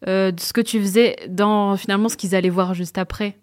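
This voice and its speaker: A woman's voice: mid-range voice, steady tone, a little fast, no echo, studio quality. A woman interviewing a guest in a casual, conversational way.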